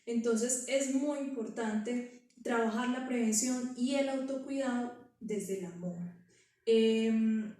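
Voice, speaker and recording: A woman talks to parents in a conversational teaching style, tossing in rhetorical questions. Her voice is fairly high and mellow. It sounds distant, in a heavily echoing room. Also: slow. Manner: conversational, asks rhetorical questions with frequent "¿cierto?". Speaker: early childhood educator. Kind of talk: parent training talk. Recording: very echoey room from far off.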